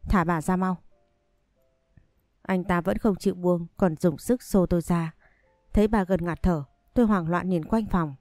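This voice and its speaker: Low, mellow woman narrating a story. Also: normal speed, dry recording, clean studio sound, soft background music. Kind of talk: scripted first-person story narration.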